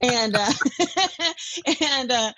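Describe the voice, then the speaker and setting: Middle-aged woman from Denmark, husky mid voice, dry close recording, lively interview guest. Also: high voice, drawn-out words, no room sound. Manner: chatty and animated, laughs often. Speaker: country music artist, guest. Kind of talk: casual interview talk.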